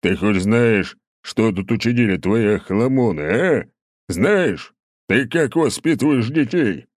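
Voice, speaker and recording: A towering old prince scolds in a low, booming voice, as a man acts him out. He speaks slowly and loudly in this storybook reading, recorded dry and close. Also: lively intonation, no room sound. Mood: stern. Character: towering mighty old prince, gruff and stern.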